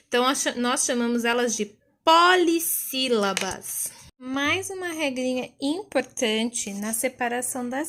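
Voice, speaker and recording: A young Brazilian woman teaching a recorded class to children, speaking slowly and patiently and sounding words out syllable by syllable. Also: fairly high pitch, sharp tone. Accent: Brazilian Portuguese. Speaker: primary school teacher.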